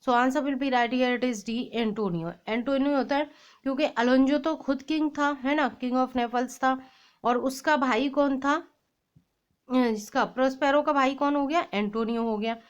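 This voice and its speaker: Slow, high-voiced woman teaching exam prep. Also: smooth, lo-fi sound. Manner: reads the English question slowly, then explains in quick mixed Hindi and English. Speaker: English teacher. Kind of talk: exam-prep lesson, reading out quiz questions.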